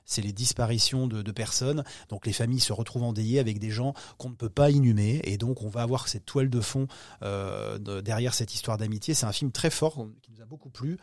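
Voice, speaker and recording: Guy in a podcast interview, lots of ums and restarts, mid pitch, dry sound. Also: brisk, darkish tone, no room sound. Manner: hesitant, many fillers and restarts. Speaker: film distribution executive.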